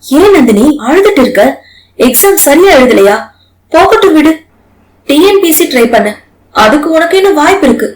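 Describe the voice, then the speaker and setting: A woman voicing a caring young husband who consoles his wife in a calm, gently lecturing way. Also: high voice, normal speed, pauses often, reverberant, pitched above the performer's own voice, poor audio. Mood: consoling.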